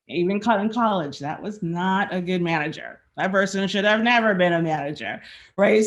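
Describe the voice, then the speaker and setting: Woman, meetup speaker, conversational talk, frank, relaxed, frequent fillers, acted-out quotes. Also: deep voice, highs cut off. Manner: acts out quoted questions to herself and others.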